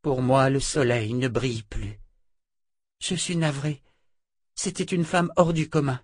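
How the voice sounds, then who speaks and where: A man voicing a sorrowful, grieving man speaking quietly. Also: medium pitch, steady tone, unhurried, no room sound, clean studio sound, voice pushed up, close to an everyday voice. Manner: mournful, subdued.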